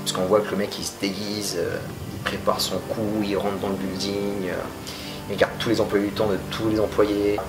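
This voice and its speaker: A man's voice: lowish voice, flat delivery, moderate pace, rough recording. A man giving a casual, chatty and slangy film review, full of jokes. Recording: music playing under voice.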